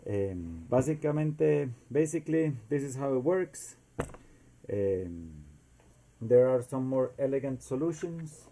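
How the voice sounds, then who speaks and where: A Costa Rican man with a Costa Rican Spanish accent, an amateur inventor, shows off a homemade device in an informal, homemade explainer. His voice is mid-range, expressive and darkly toned, moving at a slow pace over a little hiss or hum. He speaks non-native English, often hunting for words and dropping in Spanish fillers.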